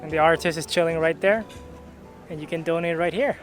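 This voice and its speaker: A man's voice: fairly high pitch, steady tone, a little fast, soft background music. A young man narrating a casual travel vlog, explaining the sights as he goes in a chatty tour-guide way. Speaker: travel vlogger.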